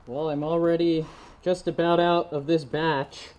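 A young man chatting casually in a garage workshop vlog, self-deprecating and quick to laugh. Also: fairly high pitch, little pitch movement, a little mellow. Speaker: vlogger.

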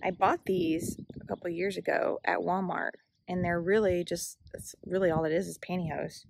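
A low, gravelly, darkish voice with lively intonation and a moderate pace belongs to a woman hosting a home gardening vlog. She gives viewers a casual, upbeat, chatty tour of her backyard garden at evening, filming on a handheld camera or phone that captures background noise and faint outdoor ambience.

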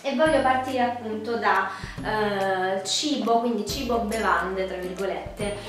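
A woman's voice: mid-range voice, unhurried. Congested, duck-voiced woman, very echoey. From Puglia, southern Italy. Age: 20s. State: congested from a cold, sore throat, duck-like nasal voice. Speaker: vlogger. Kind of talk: casual talk to camera. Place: small bedroom indoors. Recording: very echoey room, music behind. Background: music.

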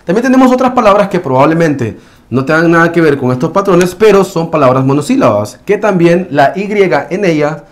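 A man with a fairly high voice teaches a pronunciation lesson at an even, explanatory pace. He pauses to check in with his students and draws out example words slowly. The faint scratch of writing is heard behind him. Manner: explanatory, with frequent check-ins and slow modeled words. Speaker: English teacher.

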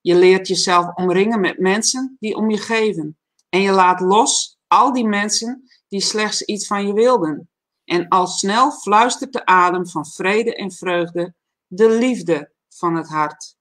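A woman with a mid-range voice hosts a livestream talk show. She first reads a reflective passage in a calm, measured way before shifting to a relaxed chat.

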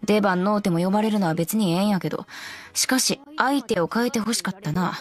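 Woman voicing a blunt kansai lady, quick sharp comebacks, faint music under. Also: medium pitch, lightly acted. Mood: scolding. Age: adult. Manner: sharp retorts, straight-man scolding. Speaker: commentary co-host. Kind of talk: in-character anime commentary.

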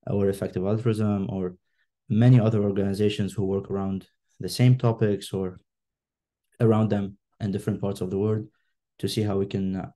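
A man from Lebanon with a low, mellow voice speaks over a video call. He gives his candidate statement in a fairly even tone, pausing often on fillers. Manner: hesitant, many fillers. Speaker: election candidate. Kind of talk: online meeting statement.

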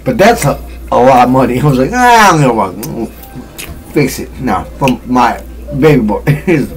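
A man's voice: medium pitch, lively intonation, moderate pace, faint music behind. A man chatting casually over a meal, talking with his mouth full, laughing now and then.

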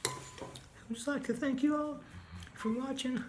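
A woman with a very high voice chats casually and folksily while eating soup, as a mukbang host. Cutlery and dishes clink clearly in the noisy home recording. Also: fairly even intonation, slow pace. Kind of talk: casual food vlog chat.

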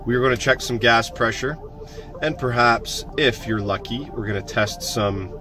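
A man's voice: medium pitch, normal speed. A man in his thirties, an HVAC technician, talking casually and plainly as he walks viewers through a tool demo step by step.

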